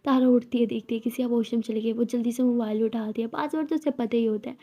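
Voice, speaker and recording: A woman's voice: on the high side, fairly even intonation, quick pace, warm tone, dull audio. A woman narrating a romance story in a casual, chatty storytelling manner.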